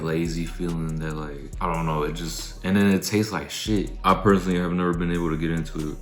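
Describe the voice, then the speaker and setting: A young man with a very low voice answers questions casually while eating, words muffled by a mouthful of food. He is laid-back and slangy, thinking aloud, in a roomy, echoey space with music behind him. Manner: mouth full, talking while eating cereal. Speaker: content creator.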